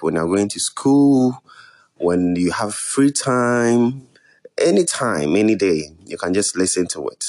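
A young man with a West African accent, hosting a podcast alone in a measured, earnest way. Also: sits low, a little mellow. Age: young adult. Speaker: podcast host. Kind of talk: introductory solo podcast talk.

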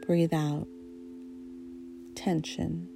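A woman guiding a relaxation meditation in a soft, soothing, hypnotist-like voice, leaving long pauses between short phrases. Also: deep voice, level tone, creaky, background noise. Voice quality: soft, mellow. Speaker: guided meditation narrator.

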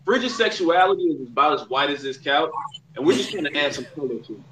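Deadpan man with faint room noise. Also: on the high side, a little fast, echoey room, distant mic. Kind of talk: casual banter.

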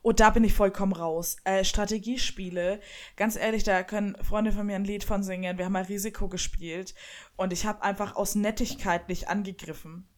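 A woman's voice: mid-range voice, fairly even intonation, fairly quick, a little mellow. Chatty, laughing young Bavarian woman. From Upper Palatinate, Bavaria. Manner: chatty, self-mocking, laughs often. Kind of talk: casual chat.

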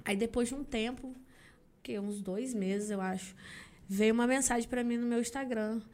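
Guesting on a podcast, this young woman from Brazil, a singer, recounts a story in a lively, casual way and imitates the people she quotes. She speaks a little high at a moderate pace.

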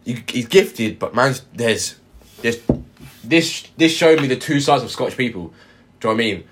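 A man's voice: medium pitch, animated, moderate pace, noisy background. A man co-hosting a podcast, chatting casually in street slang and often repeating himself. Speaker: podcast co-host.

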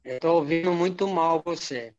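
A man's voice: fairly high pitch, moderate pace, darkish tone. An older man, a writer being interviewed, keeps asking if he is heard while his video-call audio glitches and drops out. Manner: repeatedly checking whether he can be heard. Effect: choppy, glitching video-call audio that drops out. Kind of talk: casual chat over a video call. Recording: dull lo-fi video-call sound.

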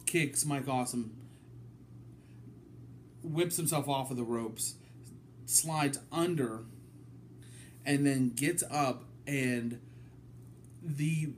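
A man hosting a casual wrestling review from his apartment, talking it through in a halting way with many ums. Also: medium pitch, a little hiss or hum. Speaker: wrestling podcast host.

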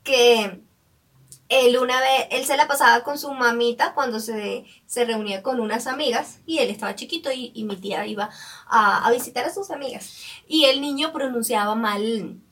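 A woman in casual chat, telling an anecdote in a chatty, teasing way and quick to laugh. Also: a little high, a bit bright, far from the mic.

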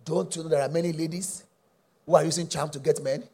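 A middle-aged man preaching a sermon, using call-and-response and bursting into shouts. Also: on the high side, fairly even intonation, quick pace, breathy edge. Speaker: pastor.

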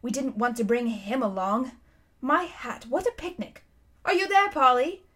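A woman voicing a plucky, decisive young schoolboy in a storybook adventure, brisk and bossy in manner. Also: high voice, a bit bright, breathy edge. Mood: exasperated.

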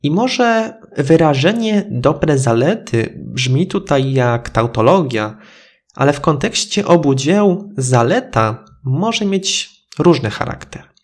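A man hosting a history podcast, giving a scripted explanatory narration in a measured, literary reading voice. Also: on the high side, very animated, slightly rough.

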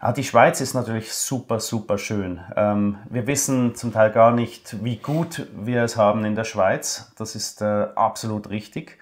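A man, a guest in a podcast interview, telling his story at a relaxed pace with many hesitations. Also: mid-range voice. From Switzerland. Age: 40s. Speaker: guest, finance blogger.

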